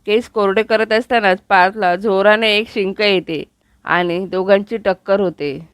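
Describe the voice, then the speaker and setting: A woman's voice: medium pitch, steady tone, unhurried, smooth, no room sound. Woman narrating a serial recap. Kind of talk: storytelling episode recap.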